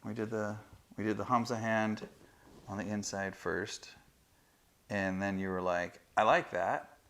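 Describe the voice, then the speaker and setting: A man's voice: lowish voice, level tone, a little slow. A man in his fifties, a tattoo artist hosting a podcast, telling stories in a chatty, laughing way from his studio on a lapel mic. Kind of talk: casual chat.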